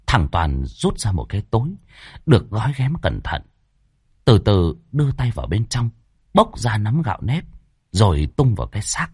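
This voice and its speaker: A man narrating a ghost story from a script, with a dramatic, varied delivery and tense pauses. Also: on the low side, darkish tone, slightly rough, no echo, studio quality.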